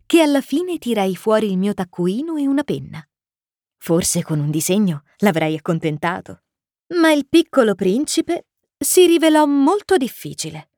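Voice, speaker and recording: A woman narrating a children's story in an expressive, animated storybook-reading manner. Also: medium pitch, no echo, studio quality.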